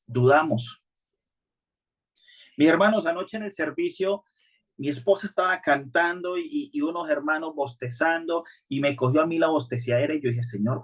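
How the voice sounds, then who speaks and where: Man, pastor, sermon, earnest conversational delivery, somewhat high voice. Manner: earnest, conversational preaching with many restarts.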